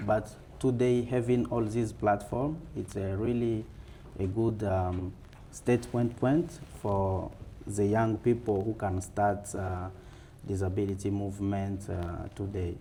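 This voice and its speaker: An African-accented man gives interview answers in a fireside chat. His voice is low and soft-edged, and he speaks slowly and deliberately, with pauses. Faint room noise sits behind him. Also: fairly even intonation. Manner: halting, deliberate.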